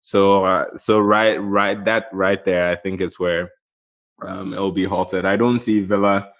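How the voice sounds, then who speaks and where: A man's voice: low-pitched, steady tone, unhurried, a bit bright, dull audio. A man talking football casually as a panelist, hesitant and repeating his phrases. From Ghana.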